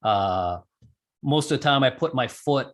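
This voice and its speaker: Interviewed as a guest, an amateur radio operator and skydiver walks through a technical procedure step by step, keeping it conversational and correcting himself along the way. He has a mid-range, expressive voice and speaks at a measured pace.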